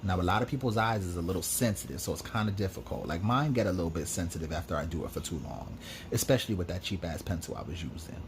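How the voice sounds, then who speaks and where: Low-pitched but lively in intonation, a man talks fast through a makeup tutorial he hosts, sassy and campy like a drag queen, chatty, slangy and full of asides. Background noise can be heard.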